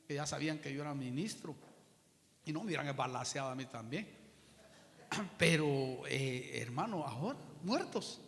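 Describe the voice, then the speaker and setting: A man's voice: medium pitch, animated, moderate pace, vocal fry, pauses often, a bit bright. A man preaching in a church, telling a personal testimony and acting out quoted exchanges. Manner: storytelling, acts out quoted exchanges. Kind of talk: sermon testimony. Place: church hall. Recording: reverberant church hall.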